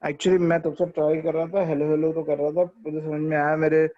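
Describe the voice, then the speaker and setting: High-voiced Indian English man. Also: fairly quick, dry recording, dull audio. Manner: animated, code-switching Hindi and English. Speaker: participant. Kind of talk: casual storytelling. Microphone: online call.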